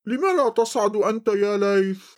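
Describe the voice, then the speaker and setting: A woman voicing a boastful but cowardly green monster with sharp teeth in a children's story, grumbling and blustering. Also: medium pitch, moderate pace, lightly acted. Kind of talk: storybook voice acting.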